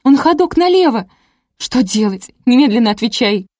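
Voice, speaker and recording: A woman's voice: fairly high pitch, moderate pace, a little mellow, dry recording, clean studio sound, pitched above the performer's own voice, natural voice. A woman reading an audiobook, voicing a hysterical jealous wife who shrieks and hurls insults. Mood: shrill furious. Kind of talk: audiobook character voice.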